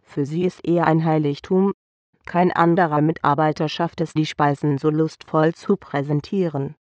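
A man's voice: a little high, fairly even intonation, normal speed, no room sound. A man narrating a whimsical science-fiction audiobook in a playful storytelling manner. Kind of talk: scripted sci-fi story narration.

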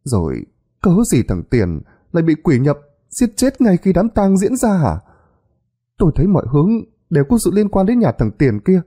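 A man voicing a stern, suspicious older village woman in a spoken horror story, with a shrill, accusing way of talking. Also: huge pitch swings, normal speed, dark tone, breathy edge, exaggerated voice.

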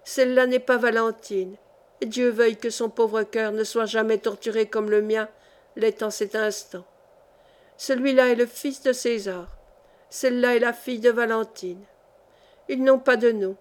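A woman's voice: a little high, steady tone, a little slow, natural voice. A woman playing a fierce, imperious noblewoman. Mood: urgent imploring. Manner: forceful, urgent and imperious. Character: fierce noblewoman, commanding and imploring.

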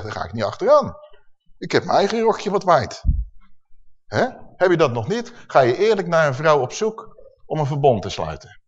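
Emphatic preacher with a swooping voice. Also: male voice, a little high. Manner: emphatic, rising and falling, lists sins with force, asks the congregation questions. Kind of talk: sermon. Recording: dull lo-fi sermon recording.

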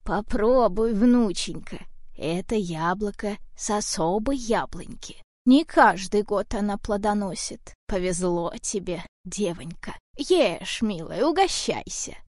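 A woman voicing an old witch who poses as a frail grandmother, speaking slowly and softly in a coaxing way, in an audiobook. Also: mid-range voice, expressive, no echo, studio quality. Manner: slow, soft, coaxing, hushed. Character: sinister old witch posing as a frail granny. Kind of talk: audiobook character voice.

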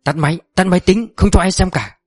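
A man's voice: high-pitched, fast talker, a little mellow, husky, dry recording, faint music behind, voice pushed up. A frantic young male employee in an audiobook story, as a male narrator puts him on, pleading in an urgent, breathless, raised voice. The recording is dry and close. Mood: panicked.

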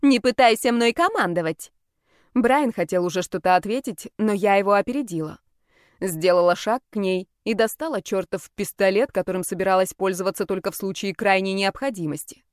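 A woman reading a first-person audiobook with an even, expressive delivery. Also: mid-range voice, fairly quick, no echo, studio quality. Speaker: audiobook narrator.

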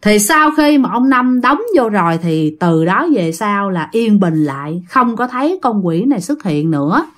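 A woman's voice: medium pitch, expressive, normal speed, few pauses. A woman telling a family ghost story in a chatty way, talking straight to her listeners. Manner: chatty, addresses listeners directly, laughs.

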